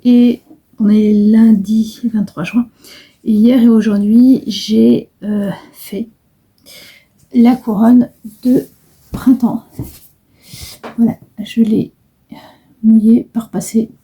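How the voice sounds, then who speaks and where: Soft-toned rambling woman vlogger. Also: on the high side, level tone, slow pace, pauses often, husky. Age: middle-aged. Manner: rambling, hesitant, many fillers and restarts. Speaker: embroidery vlogger. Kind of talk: casual vlog chat.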